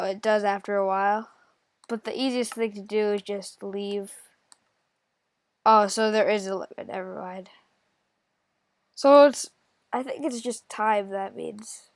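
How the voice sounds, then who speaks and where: A woman's mid-range voice, with no room sound, guides a casual screen-recorded game walkthrough. As a gaming tutorial creator with a stuffy nose from a cold, she thinks aloud hesitantly, pausing often and fixing her own words.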